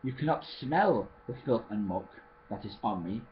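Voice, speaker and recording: Casting: a man doing a grubby, wisecracking vampire, lively in pitch, on a dull lo-fi recording. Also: moderate pace, a little hiss or hum, lightly acted. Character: filthy barefoot male vampire, joking.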